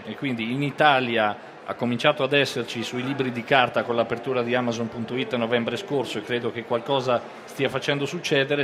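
A man speaking conversationally as a guest in a live interview. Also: mid-range voice. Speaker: interview guest, company executive. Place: live broadcast stand at a book fair. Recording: clear background noise of fair venue.

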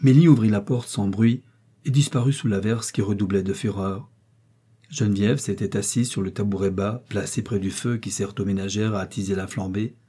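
A man narrating a classic novel as an audiobook, in a measured, even storytelling manner. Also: lowish voice, slightly rough.

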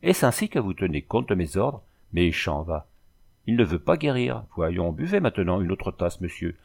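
A man voicing a gentle but bossy young woman nursing a patient, in an audiobook reading. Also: deep voice, sing-song, normal speed, creaky, heavily acted. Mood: coaxing, bossy. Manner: softly commanding, coaxing.

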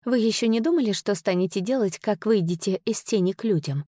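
A woman's voice: medium pitch, a little fast, dark tone, no room sound, clean studio sound, close to an everyday voice. A woman voicing a playful young woman who teases her companion with mock sternness, in a storybook reading. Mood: teasing. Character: playful teasing young woman, easily frightened.

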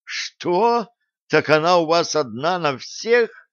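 A man reading an audiobook, voicing a hot-tempered young woman in a raised, high falsetto. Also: animated, takes it slowly, a bit bright, clean tone, dry recording. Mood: indignant. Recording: dull dry close recording.

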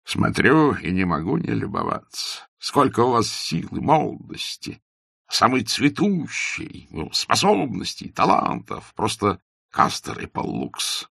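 A man's voice: lowish voice, sing-song, unhurried, gravelly, a bit bright, husky, dry recording, clean studio sound, voice pushed up, exaggerated voice. A man voicing a talkative old country doctor in his sixties, a doting father who rambles in flowery phrases. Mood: fond, chatty. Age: 60s.

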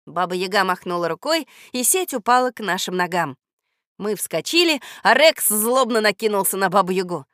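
A woman reading a children's storybook aloud as scripted narration, even and expressive. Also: mid-range voice, moderate pace, no room sound, clean studio sound. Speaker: audiobook reader.

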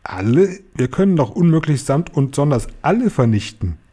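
A man's voice: medium pitch, a little slow, vocal fry, warm tone. A man voicing a frightened female witch begging for mercy in a storybook reading. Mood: pleading fear. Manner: whimpering, pleading. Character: terrified, pleading female witch.

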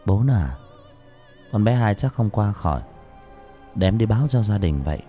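A detached mother speaks without a trace of grief in a spoken tale, as a male narrator puts her on. The voice stays in his own low, even register. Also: moderate pace, soft background music, close to an everyday voice. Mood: cold. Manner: flat, unmoved. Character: cold, indifferent mother, adult woman.

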